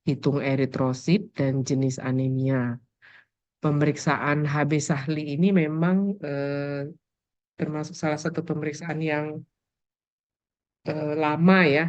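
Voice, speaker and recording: Hoarse woman lecturer nursing a sore throat, patient explainer, dry muffled sound. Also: deep voice, darkish tone, no room sound. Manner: explanatory, filler-heavy. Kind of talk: lab course briefing.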